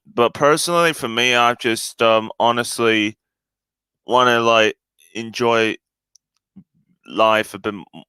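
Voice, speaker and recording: A man hosting a relaxed solo live stream, his voice sitting a little low but sounding bright and tense. He speaks very cleanly, yet hesitates constantly, stumbling and restarting with lots of fillers. The sound is dry and close, with no room echo. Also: smooth.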